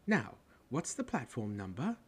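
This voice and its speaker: A man voicing a kindly, bustling middle-aged mother of a big family, fussing and warm in her manner, heard over a steady hum. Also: medium pitch, measured pace, breathy edge, full character voice.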